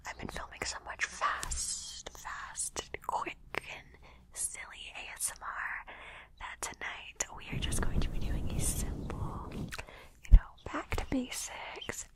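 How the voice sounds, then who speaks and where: Whispering woman doing soothing ASMR. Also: rough recording. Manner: hushed, slow, gently reassuring with repeated soothing phrases. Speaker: ASMR host. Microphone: fluffy-covered mic close up, sounds from ear to ear. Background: soft mic scratching and brushing.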